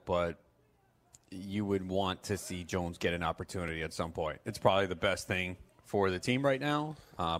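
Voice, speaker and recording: A man co-hosting a casual fantasy football chat, giving measured, analytical takes. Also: low-pitched, fairly bright tone.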